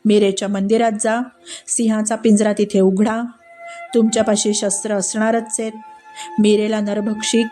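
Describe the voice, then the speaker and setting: A woman's voice: medium pitch, warm tone, natural voice. A woman doing a gloating wicked king. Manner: gloating, giving orders.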